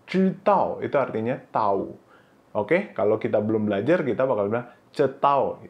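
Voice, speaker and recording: On a muffled recording, an expressive man instructs viewers in Mandarin pronunciation in a casual way. His lesson video is full of "oke" and "nah," and he sounds out syllables in high, drawn-out bursts.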